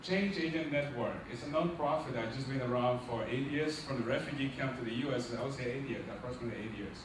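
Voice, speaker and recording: A nonprofit founder from Liberia, middle-aged, speaks fast in a mid-range voice at his organization's launch, preaching motivation to the crowd with questions and emphatic climaxes. The recording comes from a distant mic in a large echoey hall and is noisy.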